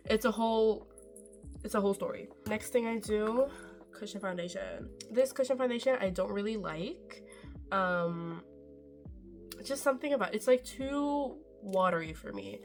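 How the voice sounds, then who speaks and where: This Norwegian beauty vlogger has a medium-pitched, slightly mellow voice. A chatty young woman, she rambles through casual makeup tutorial talk, putting herself down and swearing casually along the way.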